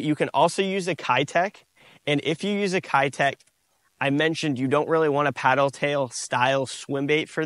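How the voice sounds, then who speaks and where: A man, giving a relaxed outdoor fishing tutorial from a boat on a lake, recorded on a lapel mic. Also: medium pitch, dry recording. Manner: relaxed, repeats "again" and "you guys". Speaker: fishing instructor.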